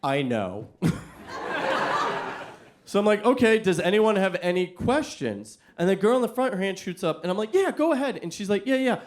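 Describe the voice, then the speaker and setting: A young American man performing a stand-up comedy set, telling stories in an animated way and acting out the other people in them. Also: high-pitched, normal speed, a little hiss or hum. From United States. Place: comedy venue before a live audience.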